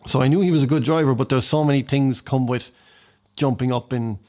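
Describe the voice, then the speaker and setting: A man's voice: medium pitch, brisk, mellow. A man reflecting on a driver's talent in a documentary interview, often restarting phrases. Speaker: interviewee in motorsport.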